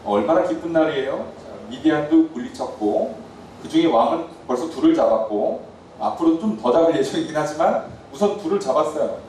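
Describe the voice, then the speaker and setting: Pastor guy preaching, acts out the characters, somewhat high voice, roomy church sound w faint hiss. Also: a little fast, distant mic. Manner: lively storytelling, acting out quarrels in character voices. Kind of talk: sermon. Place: church sanctuary. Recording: echoey church hall, mic from afar.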